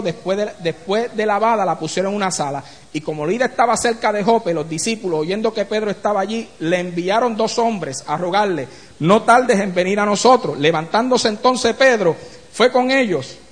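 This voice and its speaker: A man's voice: high-pitched, big-room sound. A male pastor preaching a sermon, blunt in manner, asking rhetorical questions and mimicking complaints. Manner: blunt, self-described as rough in speech.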